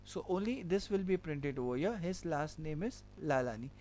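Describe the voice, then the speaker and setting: This programming teacher sounds animated, with a highish, darkish voice at normal speed. Recording his screen, he goes through the code one step at a time, restating each point with an "okay".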